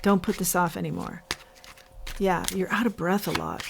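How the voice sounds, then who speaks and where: A woman giving an intuitive tarot reading as host, saying the card names slowly and repeating her advice earnestly. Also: lowish voice, big pitch swings, gravelly, background noise. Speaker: tarot reader.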